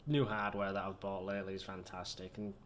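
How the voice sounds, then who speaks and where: A man's voice: low voice, little pitch movement, fairly quick, a bit bright, a little hiss or hum. A man chatting loosely over a game he is playing, wandering from topic to topic and poking fun at himself. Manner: chatty, wandering, self-mocking. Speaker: gaming video host. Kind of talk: rambling gameplay commentary.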